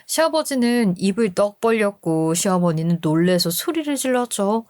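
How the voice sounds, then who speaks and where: A woman's voice: mid-range voice, expressive, normal speed, darkish tone, dry recording, clean studio sound. A woman narrating a first-person family story as a scripted radio storyteller, in an aggrieved, emotional manner.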